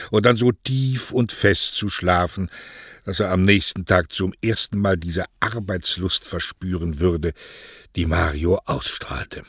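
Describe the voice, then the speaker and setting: A man reads a novel aloud in a measured storytelling manner. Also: low voice, dry recording, studio quality. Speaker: audiobook reader. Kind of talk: scripted narration.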